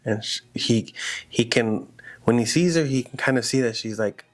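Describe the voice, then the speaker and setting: A man's voice: mid-range voice, normal speed. Casual man telling a horror story. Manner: loose and conversational, full of fillers like "you know" and "like".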